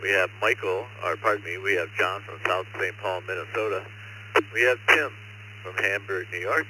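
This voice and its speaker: A net controller runs an amateur radio check-in net over two-way radio, courteous and procedural. His low voice has a sharp tone and normal speed, carried on a very noisy ham radio link.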